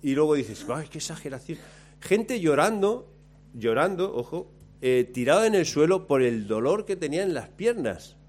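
A man telling a lively, self-mocking story about himself, acting out his own lines along the way. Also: fairly high pitch, moderate pace. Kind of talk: anecdote told to listeners.

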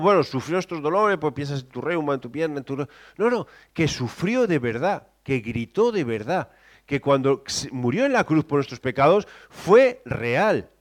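A man preaching a sermon, moving between quiet scripture reading and loud, emphatic exclamations. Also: on the high side.

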